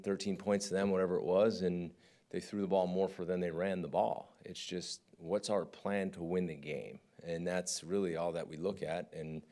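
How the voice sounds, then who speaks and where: Male defensive coordinator, very deep voice, frank press-conference talker. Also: mellow. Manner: candid, conversational, often asks "right?".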